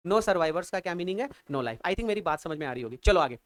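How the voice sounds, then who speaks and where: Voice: medium pitch, animated, brisk, dry recording. An English teacher explaining a poem line by line, translating each phrase and asking rhetorical questions with enthusiastic exclamations.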